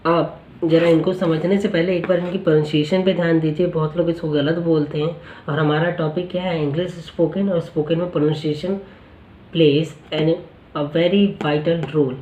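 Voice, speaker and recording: A male English teacher talks through a lesson, asking the class questions and answering them himself. He drills pronunciation by saying each word slowly several times over. His voice rings with a roomy echo. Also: a little high, fairly even intonation, a little mellow, highs cut off, a little hiss or hum. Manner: explanatory, asks the class rhetorical questions. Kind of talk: spoken-English lesson explained in Hindi.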